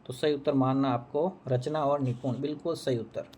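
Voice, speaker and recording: A man's voice: medium pitch, steady tone, fairly quick, mellow. Male Hindi tutor, exam answer walkthrough, repeats himself, poses quiz questions, faint hiss behind. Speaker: Hindi teacher.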